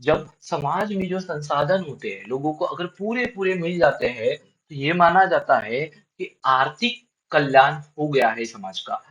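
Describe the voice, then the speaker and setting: A man's voice: measured pace, low-quality recording. A male teacher giving a classroom lecture, who keeps asking questions and answering them himself and repeats key lines for his students. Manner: lively up-and-down pitch.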